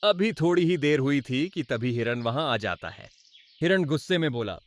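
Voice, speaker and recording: A man's voice: medium pitch, animated, normal speed, no room sound. Man narrating a children's cartoon fable. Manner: addresses listeners directly. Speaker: storyteller.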